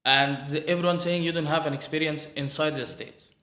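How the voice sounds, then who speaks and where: An Egyptian man, a native Arabic speaker with an Egyptian Arabic accent, hosts a podcast in casual, sociable conversation, chatty and quick to laugh. His voice is a little high, bright and forceful, with fairly even intonation at a fairly quick pace, recorded in an echoey room.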